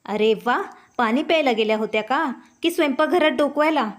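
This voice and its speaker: Woman reading as a harsh young wife, loud, accusing, high-pitched, storybook. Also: a little fast, lightly acted. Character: harsh scolding young wife, sharp-tongued.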